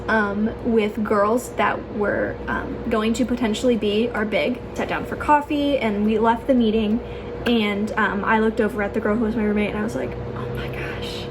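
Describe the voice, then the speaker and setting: A young adult woman telling a personal story casually, as a vlogger, in a chatty, gushing way full of filler "like"s and exclamations. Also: medium pitch. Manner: chatty, gushing, peppers talk with "like" and "oh my gosh". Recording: clear background noise.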